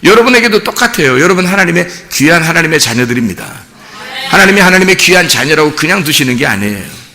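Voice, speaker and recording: A male pastor preaching a sermon, telling the story with lively acted-out dialogue. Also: a little high, quick pace, long reverb tail. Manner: animated storytelling, acting out dialogue. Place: church sanctuary.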